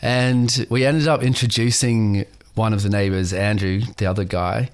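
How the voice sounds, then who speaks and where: Laid-back Australian man, lowish voice. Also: steady tone, normal speed, clean tone. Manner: laid-back, lots of "like" fillers. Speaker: guest musician. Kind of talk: casual storytelling.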